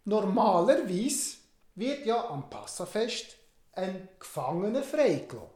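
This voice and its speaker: A cautious governor reasons and placates, as a storyteller puts him on, his voice lively in pitch. He sounds hesitant and eager to please. The recording is roomy. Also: measured pace. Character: cautious Roman governor, a man. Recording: roomy echo.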